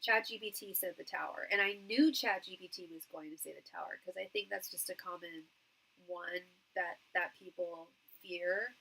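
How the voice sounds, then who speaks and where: A woman with a nasal voice giving a live tarot reading to one client, halting and repeating words as she searches for them. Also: fairly low pitch, vocal fry, pushed and bright, slightly rough, low-quality recording. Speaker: tarot reader and psychic medium.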